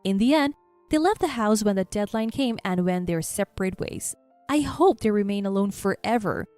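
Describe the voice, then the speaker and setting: A woman narrating a first-person story in a calm, matter-of-fact manner. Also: mid-range voice, moderate pace, no echo, soft background music.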